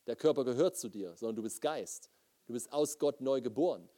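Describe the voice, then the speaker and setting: A man preaching a lively sermon, often putting questions to his audience. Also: mid-range voice, a little fast.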